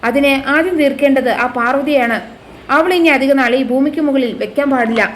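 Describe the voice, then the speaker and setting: A woman's voice: sits high, fairly quick, a little hiss or hum, lightly acted. A woman voicing a ruthless, scheming middle-aged villainess who plots murders, speaking coldly and menacingly. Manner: cold, menacing, plotting.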